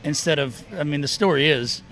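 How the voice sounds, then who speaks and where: With faint music behind him, a middle-aged man from Oklahoma and Texas speaks briskly in a fairly high, fairly bright voice. He's a musician guest at an outdoor festival, casually chatting and rambling through stories with plenty of self-interruptions and restarts.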